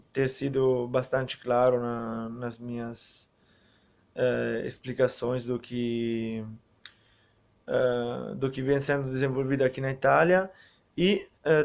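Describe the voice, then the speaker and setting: Recorded for a student group, this academic talk on physical education and health comes from a young Brazilian man whose voice is medium-pitched and gravelly, with a Brazilian Portuguese accent. He hesitates often, using many fillers and restarting sentences, and the lo-fi audio is dull.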